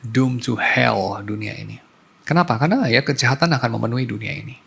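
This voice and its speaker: A man's voice: mid-range voice, a little fast, creaky, fairly bright tone, slightly rough. A man preaching a sermon as a pastor, in a conversational storytelling way, mixing in English terms.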